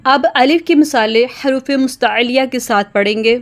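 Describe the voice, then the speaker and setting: A woman teaching Quran pronunciation, explaining rules quickly and then reciting example words slowly and loudly. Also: on the high side. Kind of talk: tajweed lesson.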